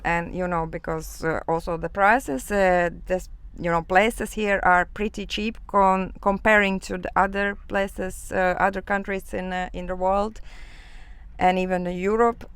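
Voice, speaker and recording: Rambling woman from Latvia with a smooth voice. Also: medium pitch, fairly bright tone. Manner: rambling, full of fillers and restarts. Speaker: vlogger. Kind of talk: casual talk to camera.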